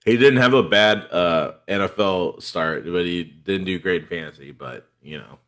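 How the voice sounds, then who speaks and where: With a head cold, a man hosts a casual fantasy football podcast, rambling in a laid-back way with lots of fillers. His voice is low-pitched and a bit bright, at a moderate pace.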